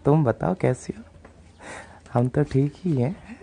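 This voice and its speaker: A man's voice: on the high side, animated, takes it slowly, gravelly, mellow, breathy edge, exaggerated voice. A man playing an evasive young son in a comedy skit, hiding his girlfriend from his father on a phone call. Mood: nervous, covering up.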